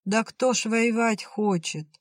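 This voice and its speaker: Guy doing a soft-spoken young village lad heading off to war, reassuring, dry sound. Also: high-pitched, measured pace, no room sound, voice pushed up. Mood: gentle. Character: young village man leaving for war, gentle.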